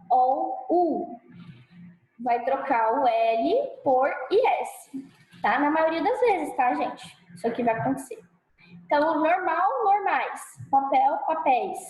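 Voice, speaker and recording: A Brazilian woman teaching a grammar lesson, checking in with her students often and sounding out example words slowly and loudly. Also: high-pitched, echoey room, poor audio. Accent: Brazilian Portuguese. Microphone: clip-on mic.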